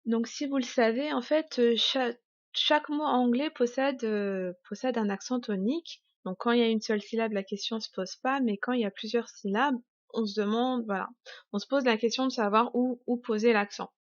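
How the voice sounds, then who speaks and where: A woman with a fairly high voice gives a casual online lesson, chatty, with lots of fillers and self-corrections. She slows down to stress example words. The recording sounds dull and dry. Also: steady tone, dry recording. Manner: chatty, many fillers and restarts. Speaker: English teacher. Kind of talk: YouTube pronunciation lesson.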